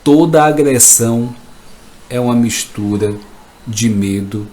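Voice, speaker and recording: A man gives a live motivational talk as a coach. He speaks slowly and emphatically, repeating his points and now and then acting out a shout. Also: medium pitch, slight background noise. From Brazil. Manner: emphatic, repetitive, reenacts shouting.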